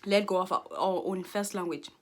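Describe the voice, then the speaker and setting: A vlogger in her twenties who speaks Xhosa and is from South Africa gives an earnest, rambling monologue to camera, full of restarts. Her voice is on the low side, at normal speed.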